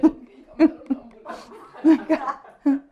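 A woman pastor giving a conversational sermon, telling animated stories, laughing often and checking that her listeners agree. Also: high-pitched, extremely slow, lo-fi sound. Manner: animated storytelling, asks the audience for agreement; laughs often while preaching.

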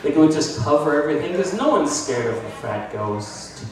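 A man's voice: on the high side, a little fast, soft background music. A man in his thirties doing a self-deprecating stand-up comedy set in a small bar, with a handheld mic, filmed from the audience. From United States. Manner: self-deprecating, animated, puts on voices for bits. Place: small bar with brick walls, indoors. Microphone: handheld mic, filmed by a phone from the audience. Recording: echoey bar from far off. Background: audience laughter.

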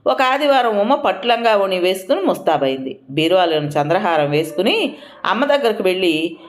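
A woman narrating an audio story in an expressive storytelling manner. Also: medium pitch, normal speed.

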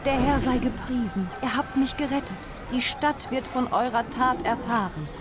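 Woman voicing a grateful townswoman, fairly high. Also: moderate pace, lightly acted. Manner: earnest, formal, thankful. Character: grateful rescued townswoman, adult. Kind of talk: dubbed video game dialogue. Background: game music.

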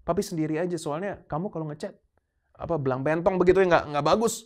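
A man's voice: on the high side, rapid-fire, lightly acted. A man voicing a stern father who curtly brushes off his young son, within a sermon story. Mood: dismissive. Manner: curt, brushing off. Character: stern, dismissive father of a boy.

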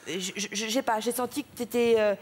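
A woman on a comedy show jury giving a spoken critique, with hesitant pauses as she searches for words. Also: on the high side, steady tone, a little mellow, breathy edge. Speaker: jury member.

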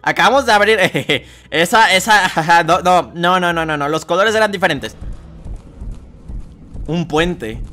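Excitable high-voiced young man gaming. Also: a little slow. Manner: excitable, shouts and screams at scares, chatty asides to viewers. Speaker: gaming YouTuber. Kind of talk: horror game let's play commentary.

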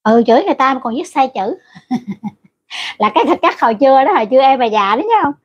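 A woman's voice: sits high, sing-song, quick pace, husky, highs cut off. A middle-aged woman hosting a casual livestream. She reads out viewer comments and scolds rude commenters bluntly and crudely. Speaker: livestream host.

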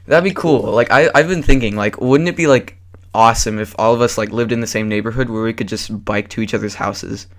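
A man's voice: lowish voice, fairly quick. A teenage boy co-hosting a casual podcast, easygoing and laughing, with lots of "like.". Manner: easygoing, laughs a lot, says "like" a lot. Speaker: podcast co-host. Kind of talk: casual chat.

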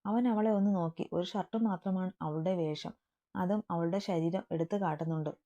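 Woman reading a story out, steady, mellow voice, kinda muffled recording. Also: on the low side, moderate pace. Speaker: story narrator. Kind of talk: storytelling narration. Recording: dull lo-fi recording.

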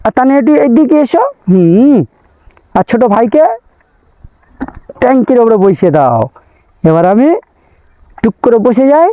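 A man's voice: very high voice, very animated, normal speed, long pauses, warm tone, no echo, lo-fi sound. A man vlogging, playfully coaxing and teasing small children in a sing-song way, then signing off to his viewers. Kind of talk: casual vlog talk to children and viewers.

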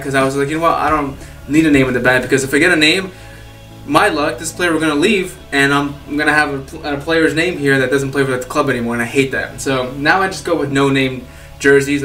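A man's voice: mid-range voice, steady tone, brisk, sharp tone, distant mic. A young man from Peru chatting casually in a vlog, rambling and enthusiastic with lots of fillers. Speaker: YouTuber. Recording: roomy echo, off-mic, faint music.

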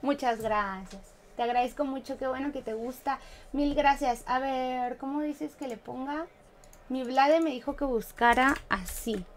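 Woman, Mexican accent, high voice, game streamer, casual live-stream chat, playful, chatty, laughing. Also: unhurried. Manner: playful, chatty, laughs often, hums little tunes.

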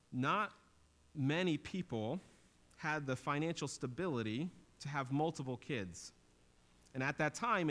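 Preaching in a small church with a drum kit on the stage, a thirtysomething pastor speaks in a medium-pitched, somewhat bright voice. His explanation of scripture is earnest and instructive, lifting whenever he emphasizes something.

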